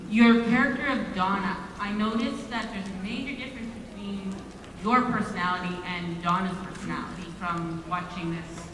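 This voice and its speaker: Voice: mid-range voice, normal speed. A fan at a convention Q&A asking a hesitant, rambling question. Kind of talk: audience question at a Q&A. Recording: echoey hall from far off, faint noise.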